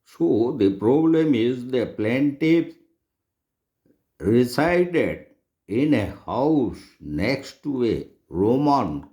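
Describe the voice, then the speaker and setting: A man teaching law, reading out and solving problems in a slow, deliberate lecture with long pauses. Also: medium pitch, a little mellow.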